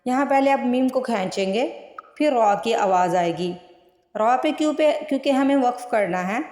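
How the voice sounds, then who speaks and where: Woman teacher, kinda high voice, stretches out every word, super echoey room. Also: lively intonation, a little mellow. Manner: slow drawn-out recitation between plain explanations. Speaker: Quran tajweed teacher. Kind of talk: word-by-word recitation lesson. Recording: echoey room with long reverb.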